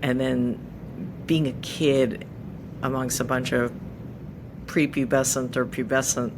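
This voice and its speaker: A woman's voice: extremely low pitch, level tone. Japan-born woman, thoughtful guest, noisy line. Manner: thoughtful, pausing with fillers. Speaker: podcast guest. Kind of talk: conversational interview answers.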